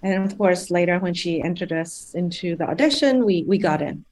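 A middle-aged woman from Malaysia, a guest talking about her nonprofit in a relaxed interview, pausing on fillers and laughing lightly as she goes. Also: lowish voice. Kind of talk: conversational interview.

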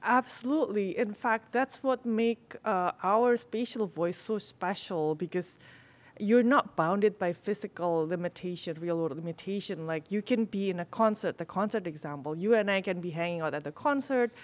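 A woman's voice: mid-range voice, moderate pace. A woman, a product manager and guest on a panel, explaining eagerly and with everyday examples in a casual discussion.

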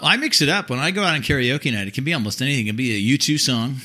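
Husky radio guy guesting on a podcast, playful, lively up-and-down voice. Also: mid-range voice, very fast. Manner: playful, hams it up. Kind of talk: casual interview chat. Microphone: studio mic.

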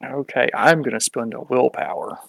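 Very low, gravelly woman at the game table. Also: moderate pace, no echo. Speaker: player in a tabletop role-playing game. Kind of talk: casual game-table talk.

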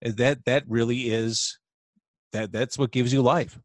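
A man's voice: mid-range voice, fairly even intonation, unhurried, dry recording. A man hosting an interview, casual and agreeable, swearing freely. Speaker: interview host. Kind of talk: conversational podcast interview.

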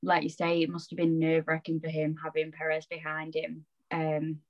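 Low-voiced easygoing woman. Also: monotone, moderate pace, highs cut off. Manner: easygoing, agreeable, uses fillers like "I reckon". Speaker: podcast co-host. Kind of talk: casual chat.

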